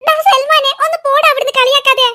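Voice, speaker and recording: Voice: very high-pitched, flat delivery, fast, sharp tone. A voice actor playing a hapless cartoon boy who lost his trousers, talking in a whiny, indignant, pleading way. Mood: panicked. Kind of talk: cartoon voice acting.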